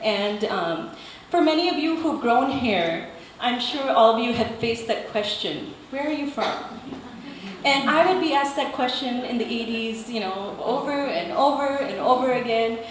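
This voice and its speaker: A woman poet from England giving a live poetry reading, expressive in the poems and relaxed and chatty between them. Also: fairly high pitch, normal speed. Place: live poetry event in an echoey room. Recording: very echoey room, faint background noise.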